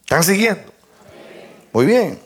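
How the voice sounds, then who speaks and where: A male preacher delivers an animated sermon, swinging between loud exclamations and hushed asides and acting out his talks with God. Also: high voice, slow, husky. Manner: acts out conversations with God.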